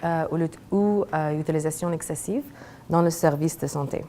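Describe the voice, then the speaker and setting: A young woman with a foreign accent in French, a graduate student presenting her research haltingly, searching for words. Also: low-pitched, mellow, a little hiss or hum. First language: not French. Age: young adult. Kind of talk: academic presentation of a thesis project.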